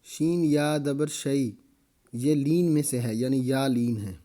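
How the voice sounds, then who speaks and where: A man teaching Quran reading, slowly spelling out each letter and vowel, then briskly explaining the rules. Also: mid-range voice, warm tone. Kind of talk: slow spelling-out recitation lesson.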